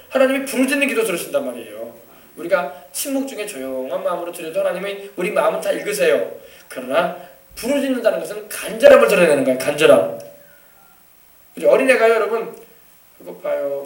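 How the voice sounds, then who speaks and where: A high-pitched man delivers a sermon with forceful emphasis, now and then shouting out lines in other people's voices. His voice carries through a reverberant sanctuary and is picked up from some distance away from the mic. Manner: emphatic preaching, rising to shouts, acting out quoted voices. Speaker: pastor. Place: church sanctuary. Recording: echoey church, voice from a distance.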